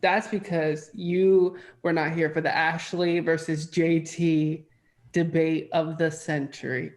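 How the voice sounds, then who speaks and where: Low-voiced animated woman podcast host. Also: takes it slowly. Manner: animated, gushing, slips into voices. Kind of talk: casual chat.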